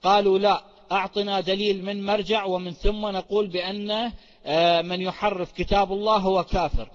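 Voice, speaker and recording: A man's voice: high voice, flat delivery, a little fast. A man arguing in a firm, insistent, formal register, as in a debate. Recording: muffled recording in a reverberant hall.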